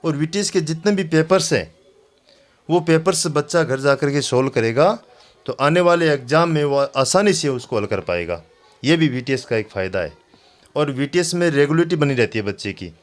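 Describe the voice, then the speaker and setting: A man's voice: a little high, expressive, normal speed. A male teacher explaining how his school runs its tests, earnest and formal.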